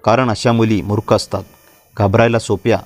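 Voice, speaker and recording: A man's voice: on the low side, little pitch movement, fairly quick, darkish tone, dry recording, natural voice. A man doing a cruel, sneering college lecturer. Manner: sneering and threatening.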